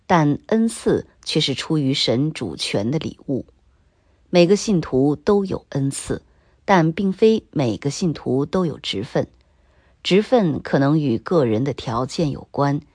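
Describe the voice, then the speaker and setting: A woman reading a scripted Bible commentary in a slow, measured, even way. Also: low voice, slightly rough, dry recording, studio quality.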